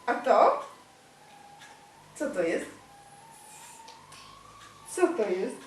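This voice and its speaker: A woman's voice: a little high, sing-song, extremely slow. A young woman reading a picture book aloud to a small child, coaxing him with simple questions and praising his answers. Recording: echoey room, distant mic, faint noise.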